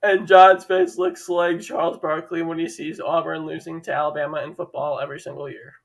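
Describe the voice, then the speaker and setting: A man's voice: on the high side, little pitch movement, gravelly, low-quality recording. A man with a Chicago accent co-hosting a casual sports commentary stream, calling plays and teasing his partner. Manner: teasing, quick play-by-play. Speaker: co-host and commentator.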